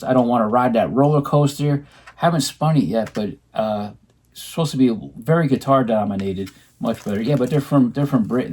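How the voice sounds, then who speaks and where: A man's voice: mid-range voice, mellow, slightly rough. A man co-hosting at home, chatting casually about records he bought, rambling with many ums and restarts. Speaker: co-host showing his record purchases. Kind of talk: casual chat.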